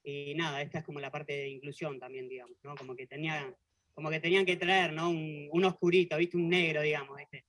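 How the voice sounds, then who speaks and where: A man's voice: on the high side, steady tone, a little fast, fairly bright tone. A young man with a Buenos Aires suburbs accent, doing a stand-up routine on a TV studio stage, full of street slang and constant "¿viste?" tags. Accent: Buenos Aires suburbs Argentine Spanish. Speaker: stand-up comedian. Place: television studio stage with audience.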